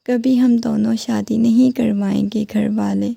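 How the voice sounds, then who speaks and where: A woman voicing a heartbroken, tearful young wife who pleads softly, in a creaky voice. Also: on the high side, steady tone, dry recording, heavily acted.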